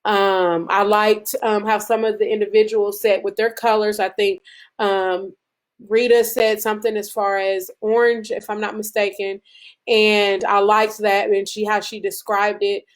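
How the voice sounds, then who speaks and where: A woman giving a casual branding lesson to a group, talking conversationally with frequent fillers and restarts, speeding up when excited. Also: mid-range voice. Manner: speeds up and slows down as she gets excited. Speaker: business branding presenter. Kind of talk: casual teaching talk to a group.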